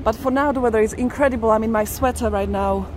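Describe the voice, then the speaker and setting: Chatty and fast, a woman with a slightly high, darkish voice narrates live as she walks a busy city street for her tour vlog. Street noise from traffic, passing vehicles and the urban surroundings fills the recording.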